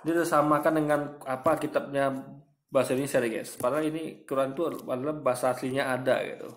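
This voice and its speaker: A man's voice: medium pitch, fairly even intonation, fast. A man giving casual reaction commentary, explaining with everyday comparisons and often calling his viewers "guys". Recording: echoey room.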